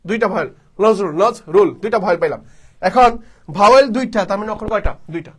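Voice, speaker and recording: Fast, high-voiced male tutor. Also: a bit bright. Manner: repetitive call-and-response teaching, asks and answers himself. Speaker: online admission-test tutor. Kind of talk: live online class.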